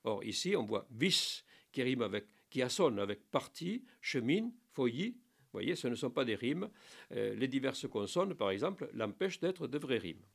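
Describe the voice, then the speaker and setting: A man giving a spoken lesson on French verse, explaining in a lively teaching manner with playful asides and recited lines. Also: medium pitch, normal speed, gravelly.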